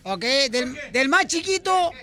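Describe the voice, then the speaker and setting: A man hosting a radio comedy show, loud and energetic, often shouting and laughing. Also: very high voice, takes it slowly, a crowd in the background.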